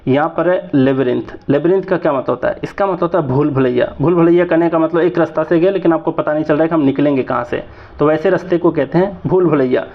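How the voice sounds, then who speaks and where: This Jharkhand man in his thirties talks quickly, his voice on the high side, as he chats through exam vocabulary and keeps making sure his audience is with him. He has a Jharkhand Hindi accent and comes from Jharkhand, India, and the recording is slightly dull and lo-fi.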